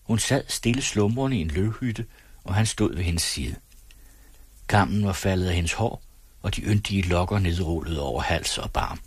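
A male narrator reads a story in a measured, storytelling manner. His voice is deep and husky. The recording is dry and close to the mic. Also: dry recording. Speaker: audiobook narrator. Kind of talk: scripted narration.

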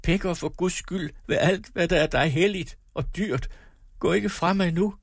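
A man reading a novel aloud and voicing a young wife who is tearful and pleading, raising his voice high and strained. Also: vocal fry, husky, no room sound, exaggerated voice.

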